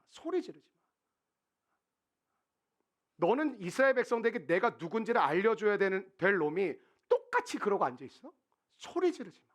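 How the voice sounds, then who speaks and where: A man's voice: very high voice, pushed and bright, full character voice. A preaching man voicing God, who firmly scolds Moses and repeats his commands. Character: God, stern and firm, rebuking Moses.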